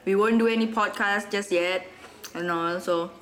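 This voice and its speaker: A woman's voice: mid-range voice, fairly even intonation, normal speed, fairly bright tone. A young woman with a Malaysian English accent co-hosting a casual podcast in a playful, giggly way. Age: young adult. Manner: playful, giggly, talks while eating. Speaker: podcast co-host. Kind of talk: casual chat.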